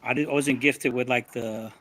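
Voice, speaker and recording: A man's voice: mid-range voice, fairly even intonation, a little slow, fairly bright tone, rough recording. A man chatting casually as a guest over a video call, rambling with lots of fillers and laid-back slang. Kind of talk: casual chat.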